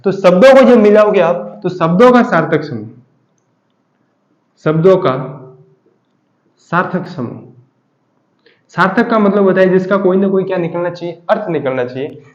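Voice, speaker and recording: A man teaching a grammar lesson, who asks each point as a question and then answers it, often dropping low and soft for the answer. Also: normal speed, pauses often. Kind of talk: classroom lesson. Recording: echoey room, dull lo-fi sound.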